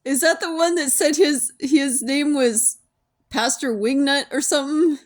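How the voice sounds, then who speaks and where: A woman's voice: sits high, unhurried. A woman in casual chat who laughs a lot and asks questions, recorded in a secretly taped conversation.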